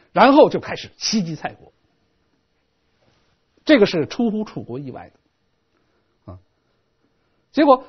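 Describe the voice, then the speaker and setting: A man giving a televised history lecture, telling the story in a lively, colloquial way with playful asides. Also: high voice, husky, muffled recording.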